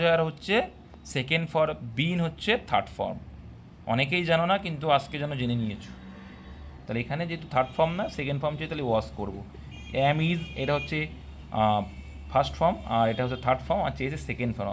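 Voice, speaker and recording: A man's voice: fairly high pitch, brisk, muffled recording, slight background noise. A man teaching an exam-prep class live, quizzing his students and explaining step by step, sometimes scolding them for answering early. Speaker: English teacher for exam coaching.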